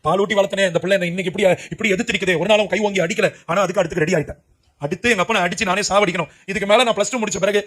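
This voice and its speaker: Rapid, high-voiced impassioned male preacher. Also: a bit bright. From Puducherry, India. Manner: emotional, urgent, cries out to young listeners. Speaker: preacher giving his testimony. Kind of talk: impassioned testimony sermon.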